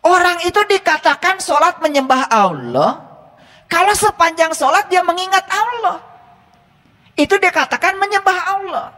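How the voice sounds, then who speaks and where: A man's voice: very high-pitched, big pitch swings, normal speed, sharp tone, long reverb tail. A man giving an Islamic sermon as a religious teacher, often asking his listeners rhetorical questions. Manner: asks the audience rhetorical questions.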